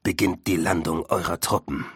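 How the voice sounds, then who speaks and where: A man's voice: low-pitched, fairly even intonation, moderate pace, fairly bright tone, breathy edge, dry recording, studio quality, voice pushed down. A man putting on a cold, commanding sith lord. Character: sinister evil male sith lord.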